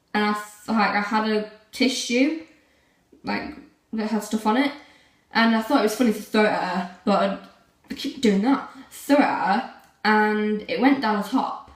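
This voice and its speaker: Chatty teen girl vlogging, lots of ums and likes, sounds a bit far off in an echoey room. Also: medium pitch. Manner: rambling, chatty, lots of fillers. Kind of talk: casual vlog chat. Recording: roomy, from a distance.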